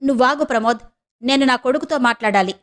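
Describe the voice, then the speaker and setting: A woman voicing a stern, proud middle-aged mother who scolds her son with sharp questions. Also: high-pitched, quick pace, close to an everyday voice. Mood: scolding.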